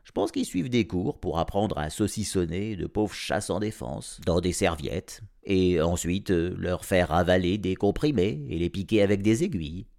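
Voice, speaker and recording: A man reading an audiobook aloud, narrating as a grumpy cat in a sardonic, animated first-person voice. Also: deep voice, moderate pace, gravelly, few pauses. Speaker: storyteller.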